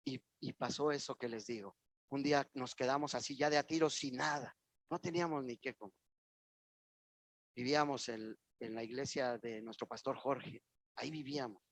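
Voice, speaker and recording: A man's voice: mid-range voice, steady tone, normal speed. A man with a Mexican accent, preaching a sermon in church and telling his own story, emphatic and repetitive as he speaks straight to the congregation. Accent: Mexican Spanish. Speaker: pastor. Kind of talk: sermon with personal testimony.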